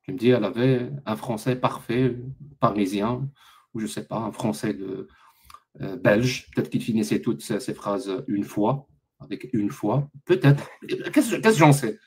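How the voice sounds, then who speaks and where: A man hosting a live online debate, pressing his guest with sarcastic rapid questions. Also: lowish voice, slightly rough. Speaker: debate host.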